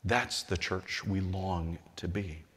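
A middle-aged man, a bishop, delivering a measured, earnest sermon-style address from a lectern in a large hall. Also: sits low. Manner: measured and earnest, slowing and softening on scripture.

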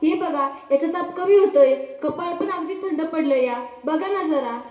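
A woman's voice: extremely high pitch, moderate pace. A performer playing an anxious, devoted young village mother in a school stage play, pleading with an emotional delivery. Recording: echoey hall, dull sound, faint music.

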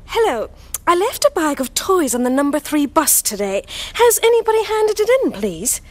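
A woman playing a friendly grown-up who reads a picture book aloud to children in a sing-song, expressive way. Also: sits high, moderate pace. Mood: cheerful. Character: friendly grown-up carer named Judy. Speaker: storyteller to children. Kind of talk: children's TV acting, reading aloud.

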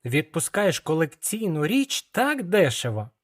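A man's voice: on the high side, sing-song, a little slow, voice pushed up. A man voicing a curious young male apprentice wizard in an audiobook, with an eager, questioning manner and a raised voice. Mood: surprised.

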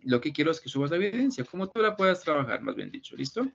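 Gravelly teacher on a call. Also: male voice, fairly high pitch, big pitch swings, fast talker, a bit bright. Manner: reassuring, repeats himself, keeps checking with "¿listo?". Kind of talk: online class talk to students. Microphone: video call. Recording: muffled video call audio with faint noise.

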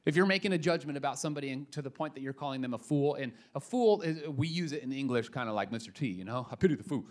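A male pastor preaching a sermon, emphatic, moving between quiet asides and loud punches, with casual slang. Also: medium pitch, animated, fast, few pauses.

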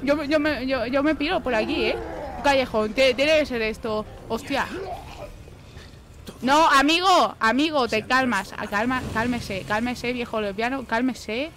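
A woman's voice: high voice, a little slow, a bit bright, a little hiss or hum. A young woman with a Spanish accent from Spain commentating live on a horror game she plays, swearing often and talking to the characters on screen. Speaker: gaming streamer.

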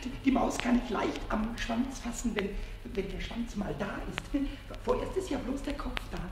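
A man's voice: very high-pitched, very animated, unhurried, reverberant, big-room sound, background noise, exaggerated voice. An actor voicing a mischievous, childlike little male kobold in a vintage radio play, stammering, giggling, and jumping between whispers and squeals. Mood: hushed wonder.

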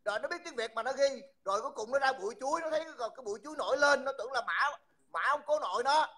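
A man's voice: very high voice, expressive, very fast, sharp tone. A man, hosting a livestream and mockingly insulting someone over and over. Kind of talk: heated livestream taunting.

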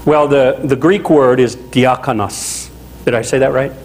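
A middle-aged man from Louisiana preaching a sermon as a pastor in a small chapel, talking in a conversational, animated way with asides. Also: medium pitch, a little slow, low-quality recording. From Louisiana, USA.

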